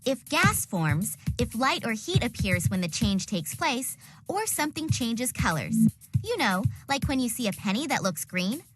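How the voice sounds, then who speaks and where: A woman's voice: a little high, sing-song, normal speed. A woman voicing a cheerful girl who patiently explains science to a friend in an educational cartoon, with music underneath. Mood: upbeat.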